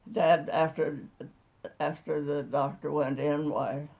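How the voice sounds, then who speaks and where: Really old lady, like 100+, slow folksy storytelling, rambles along casually. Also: low voice, fairly even intonation, vocal fry, a little mellow. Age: over 100. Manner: rambling, folksy, plain-spoken. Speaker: interviewee recalling childhood.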